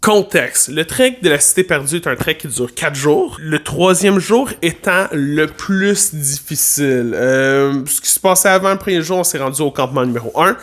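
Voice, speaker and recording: A man's voice: on the high side, normal speed, hardly any pauses. Playful Québécois man telling an anecdote. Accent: Québécois French. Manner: animated, playful, lots of asides. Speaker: vlogger and music teacher. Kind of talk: casual storytelling vlog.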